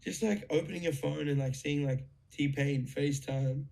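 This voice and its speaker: A young man telling a story in a casual chat, excited, swearing freely and full of fillers. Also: a little high, normal speed, gravelly. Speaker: guest musician.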